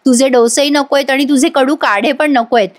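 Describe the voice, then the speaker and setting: A woman reviewer reads a resentful younger sister, curt and dismissive toward her sibling. The voice stays high and plain. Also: fairly even intonation, moderate pace, lightly acted.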